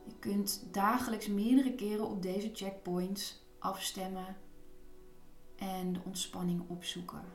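Female relaxation guide, slow instructive delivery with gentle repeated cues, echoing room. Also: medium pitch, little pitch movement, soft background music. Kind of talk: guided body relaxation and breathing meditation.

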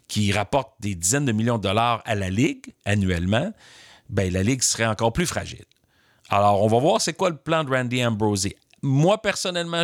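A man with a Quebec French accent hosting a podcast, giving measured, opinionated commentary on the business of sports. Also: medium pitch, no room sound, studio quality. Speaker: podcast host.

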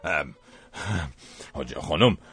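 A man's voice: a bass voice, expressive, fairly bright tone, breathy edge, exaggerated voice. A man voicing a henpecked husband in a comedy radio sketch, grumbling and mock-obedient. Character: henpecked husband back from pilgrimage.

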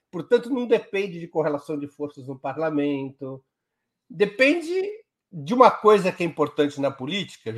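A man with a Brazilian Portuguese accent, a guest commentator explaining politics live on a talk show in an emphatic, step-by-step way. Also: sits high.

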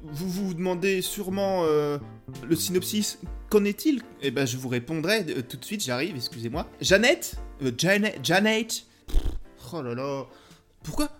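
A man's voice: a little high, expressive, normal speed, a bit bright, soft background music. A young Frenchman hosting his own film podcast, talking in a playful, self-mocking way with lots of filler sounds. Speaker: podcast host reviewing films. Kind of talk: casual comic monologue.

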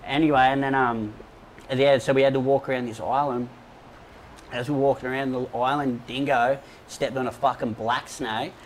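A young Australian man tells a wild story in a rambling, casual way, swearing often and filling gaps with "um" and "like". His pitch sits in the middle, and there is a faint hum of ambient noise behind him. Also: steady tone, normal speed, rough recording. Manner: swears a lot, rambling with many fillers. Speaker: guest.

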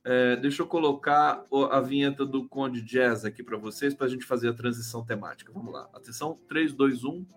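A man's voice: mid-range voice, brisk, few pauses, music in the background. A man hosting a live stream, chatting casually about politics, rambling and tagging his sentences with questions to viewers. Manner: chatty, rambling, constant "né?" tags, reads out viewer comments.

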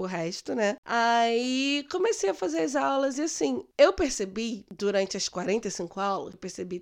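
A woman in her late twenties from Brazil, telling a personal story in a chatty, animated way on her vlog. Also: mid-range voice. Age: late 20s. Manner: chatty, animated retelling with quoted dialogue. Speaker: vlogger. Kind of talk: casual storytelling.

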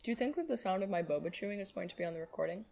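A woman's voice: mid-range voice, animated, very fast, gravelly, darkish tone, a little hiss or hum. A woman chatting casually as an interview guest, playful, slangy and given to rambling. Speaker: festival guest being interviewed, poet. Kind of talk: casual chat.

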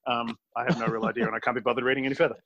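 A man's voice: mid-range voice, level tone, rapid-fire, a bit bright. A man with an Australian accent co-hosting a casual podcast from home. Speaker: podcast co-host. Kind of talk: casual chat. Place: at home, online recording. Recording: dry, slightly dull home recording.

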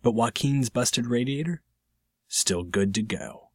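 A man reading short fiction aloud in a measured, scripted narration. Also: medium pitch, lively intonation, background noise.

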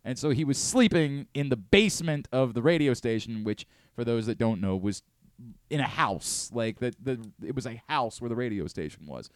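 A man hosting a sports radio show, telling a long story in casual chat with quick asides and laughs. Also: medium pitch, expressive, no echo, clean studio sound. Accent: American. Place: radio studio. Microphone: studio microphone.

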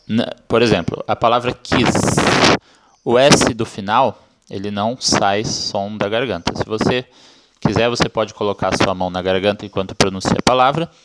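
A man with a fairly low voice teaches pronunciation in a casual podcast lesson. He explains step by step, often breaking off and correcting himself. A loud, steady noise runs under the whole recording. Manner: explanatory, with many restarts and self-corrections.

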